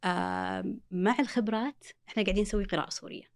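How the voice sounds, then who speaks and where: Very fast-talking woman explaining. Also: mid-range voice, vocal fry. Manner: animated, explains step by step with examples. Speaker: reading specialist guest. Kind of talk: explanatory talk show chat.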